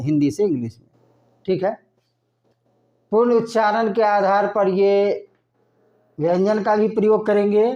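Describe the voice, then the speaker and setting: A man teaching a lesson in a slow classroom style, asking questions and then answering them himself. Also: high voice, darkish tone. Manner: asks questions and answers them himself, repeating words slowly.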